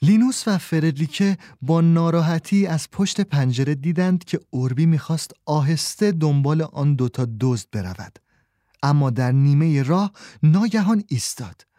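A male storyteller reads a children's story in a calm, measured way, close to the mic. His voice is fairly high for a man yet mellow and soft-edged. The recording is dry, with no room sound. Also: no room sound. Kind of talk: scripted storybook narration.

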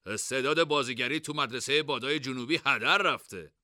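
A man voicing a cheeky, greedy young man who haggles loudly. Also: medium pitch, dry recording, clean studio sound. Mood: scheming. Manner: loud, bargaining, indignant.

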